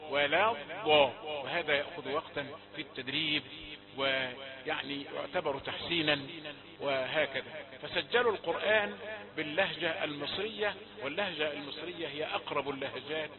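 A man with an Egyptian accent teaching Quran pronunciation, explaining rules and demonstrating with slow, drawn-out chanted examples. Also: on the high side. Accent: Egyptian Arabic. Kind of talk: tajweed lesson with chanted examples. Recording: tinny phone-like sound with crowd behind.

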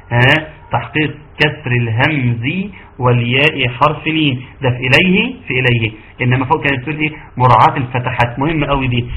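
A man with an Egyptian Arabic accent teaching Quran recitation rules, asking the class rhetorical questions and modeling verses slowly. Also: mid-range voice. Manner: quizzes listeners with rhetorical questions. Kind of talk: tajweed lesson correcting students. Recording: dull lo-fi audio, faint background noise.

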